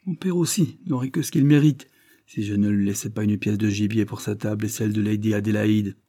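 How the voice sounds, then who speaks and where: A man's voice: lowish voice, fairly even intonation, fairly quick, mellow, no room sound, studio quality, close to an everyday voice. A man doing an evasive young husband. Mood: agitated reassuring. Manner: forced cheerfulness, protesting.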